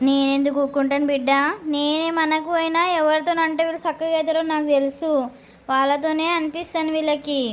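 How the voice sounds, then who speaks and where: Woman voicing cartoon mother, protective, scheming, high voice, flat delivery. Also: natural voice. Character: protective middle-aged mother, scheming and indignant. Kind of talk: cartoon voice acting.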